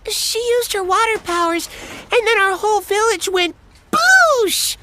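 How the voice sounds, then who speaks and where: A squeaky boastful little boy. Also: very animated, measured pace, background noise, full character voice. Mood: boastful excited. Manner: breathless boastful storytelling. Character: young boy villager, excitable tall-tale teller. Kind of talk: audiobook character voice.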